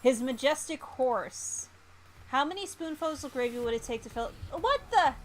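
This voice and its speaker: A VTuber streamer reads game text aloud on her live stream in a mutter, then exclaims loudly in exasperation. Her voice sits high and sounds animated at a moderate pace, and the rough recording carries a little hiss or hum.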